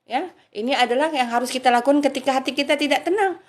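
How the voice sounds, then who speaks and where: A woman giving an earnest, informal religious talk, softly reciting prayer phrases along the way. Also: high-pitched, fast talker. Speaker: religious speaker.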